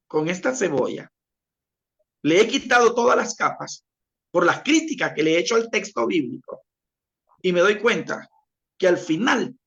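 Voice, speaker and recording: A man's voice: sits high, gravelly, fairly bright tone, dull audio. A man teaching a class, explaining by repeating his examples and speaking straight to his listeners. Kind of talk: classroom lecture.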